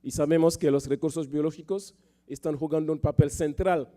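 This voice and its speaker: A man giving a political speech as a panel speaker, with a sore throat he often clears and measured, halting phrasing. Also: a little high, fairly even intonation, dark tone.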